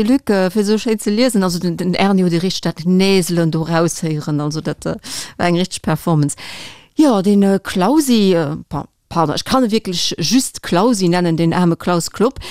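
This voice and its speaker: Eine Frau mit luxemburgischem Akzent moderiert ein Radiogespräch und stockt oft mit Füllwörtern. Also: female voice, mid-range voice, darkish tone, dry recording, clean studio sound. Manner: hesitant, many fillers. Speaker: host. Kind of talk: radio interview.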